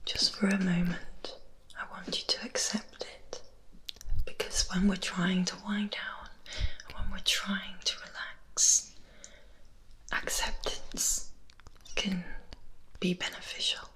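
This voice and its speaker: A woman leading an ASMR meditation in a breathy, unvoiced whisper, soothing and deliberate, softly repeating words. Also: mid-range voice, little pitch movement, rough recording. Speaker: ASMR host guiding relaxation.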